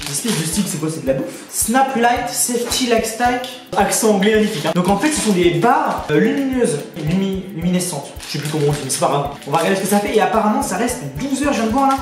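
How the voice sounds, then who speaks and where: A man talks rapidly and eagerly into a headset, calling his viewers his friends as he unboxes things. His voice comes across distant in a very echoey room, with music playing underneath. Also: high-pitched, animated. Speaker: YouTuber. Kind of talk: casual unboxing chat. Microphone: borrowed headset.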